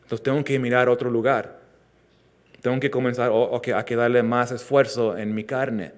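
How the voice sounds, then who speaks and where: A man preaching a sermon as pastor, earnest, rising loud for emphasis and dropping soft and slow on tender lines. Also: mid-range voice, steady tone. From Southern California. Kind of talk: expository sermon.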